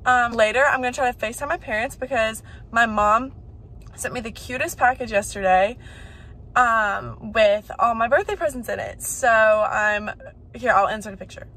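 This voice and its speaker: A woman's voice: fairly high pitch, moderate pace, pushed and bright. A twenty-year-old woman, chatting upbeat to a phone camera held at arm's length in a car and a bedroom. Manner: chatty, upbeat, filler-heavy. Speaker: vlogger. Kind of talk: casual vlog chat.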